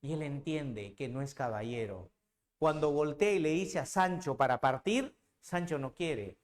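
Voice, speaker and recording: Profesor peruano, dramático y cercano. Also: male voice, on the high side, expressive, a little slow. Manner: dramatic storyteller who addresses the student directly. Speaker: literature teacher. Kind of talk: animated lecture.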